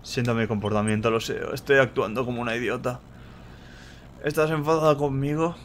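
A man from voicing a drunk, weepy young female cat, talking in a slurred, wobbly, drawn-out way. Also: medium pitch, steady tone, a little hiss or hum, lightly acted. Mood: sorry.

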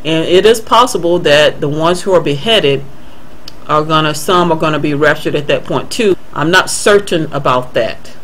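A man earnestly explaining Bible passages in a voice-over, answering a viewer's email and pausing often with fillers and restarts. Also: a little high, fairly bright tone, slight background noise, low-quality recording. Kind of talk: unscripted Bible commentary voice-over.

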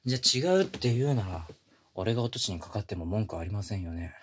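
In a romantic situation voice drama, a male voice actor plays a pushy, flirtatious younger coworker full of puppyish eagerness. Close to a binaural studio mic, he speaks fast in a lowish, darkish, fairly everyday voice, teasing and coaxing in a low, seductive, casual junior-to-senior way, with slight background noise.

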